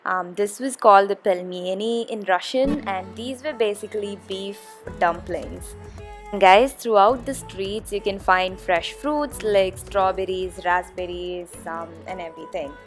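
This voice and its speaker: A woman's voice: mid-range voice, unhurried, soft background music. A young woman from India narrating a casual travel vlog, chatty with frequent ums and uhs. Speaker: travel vlogger.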